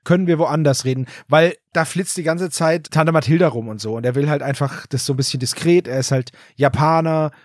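On a casual podcast, a male co-host with a fairly high voice explains plot details and reads passages aloud from a book. He speaks a little fast with few pauses, in studio-quality audio without echo.

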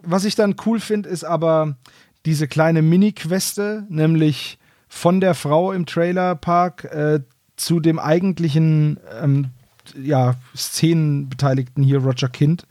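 A man's voice: fairly high pitch, steady tone, takes it slowly, mellow, no room sound, studio quality. A man chatting casually and jokily as a podcast co-host, in colloquial speech. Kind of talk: casual discussion.

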